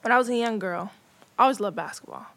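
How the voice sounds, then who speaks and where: A woman who plays professional basketball, talking in a casual panel discussion as an animated storyteller. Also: mid-range voice, fast, creaky.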